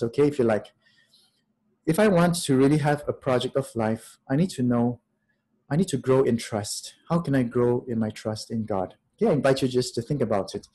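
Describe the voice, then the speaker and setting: A priest in his fifties gives a spiritual talk over a webcam from a small room. He speaks reflectively, asking many questions and laughing softly now and then. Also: medium pitch, rough recording. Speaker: priest giving a retreat talk. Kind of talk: spiritual talk to an online audience. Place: small room, in front of a plain wall. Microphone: webcam on a video call.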